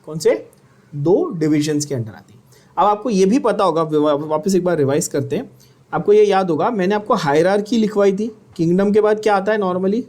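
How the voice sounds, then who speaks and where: A man's voice: high voice, normal speed, darkish tone. A man teaching biology for an exam, asking questions and having students repeat terms. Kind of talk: exam-prep lecture.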